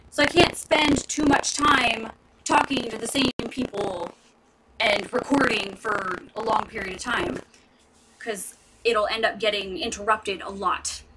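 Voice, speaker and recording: A woman's voice: on the high side, recorded from a distance, very noisy. A woman in her thirties chatting casually and rambling with her viewers, laughing often. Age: 30s. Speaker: vlogger. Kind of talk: casual live chat with viewers. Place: home with street traffic outside.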